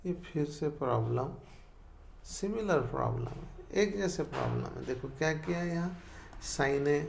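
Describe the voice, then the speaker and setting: Slow, gravelly math teacher. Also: male voice, fairly high pitch, lively intonation, a little hiss or hum. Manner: patient, repeats each step, checks if students follow. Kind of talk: explaining a math lesson step by step.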